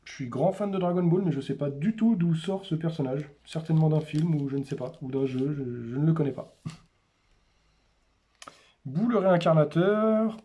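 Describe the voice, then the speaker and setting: A man hosting a casual unboxing, naming cards one by one in short, unhurried remarks. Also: a little high, dark tone. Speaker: host opening a card display.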